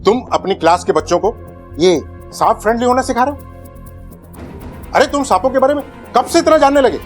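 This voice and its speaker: An actor playing a stern school principal who scolds a student with sarcasm in a TV serial. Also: male voice, very high-pitched, expressive, brisk. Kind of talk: TV serial acting. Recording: music playing behind.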